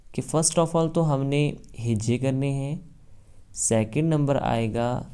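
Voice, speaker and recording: A man teaching a Quran reading lesson, spelling letters out slowly and loudly, then explaining quickly. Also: mid-range voice, smooth.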